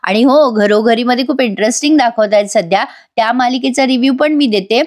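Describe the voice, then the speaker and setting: Woman, fairly high voice, chatty voice-over recap, addresses viewers. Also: fairly quick, darkish tone. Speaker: YouTube serial reviewer.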